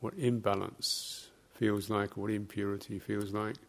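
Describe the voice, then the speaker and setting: A meditation teacher guides listeners through practice in short, measured phrases broken by long, halting pauses. His voice is lowish and gravelly, with a flat delivery.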